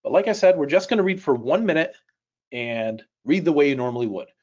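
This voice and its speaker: Animated and a little fast, a middle-aged man from Chicago, United States, whose first language is Polish, teaches a live online reading class in a slightly high, darkish voice. He asks his audience questions and jokes lightly in a conversational style, and his personal mic on the webcam live stream gives dull audio.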